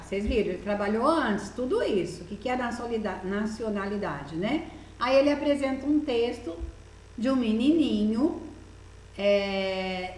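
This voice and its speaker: Brazilian lady teacher talking to little kids, kinda high voice, patient, lots of questions, echoey room w faint hiss. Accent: Brazilian Portuguese. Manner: patient, coaxing, asks the child many questions. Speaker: primary school teacher. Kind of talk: recorded remote lesson walking through a workbook.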